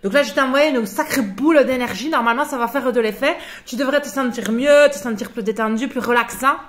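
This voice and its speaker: Comedy sketch: woman as a quick-talking, ditzy online energy healer who coos at her viewers. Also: sits high, close to an everyday voice. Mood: cooing. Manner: chatty, cooing, fake-soothing, over-familiar.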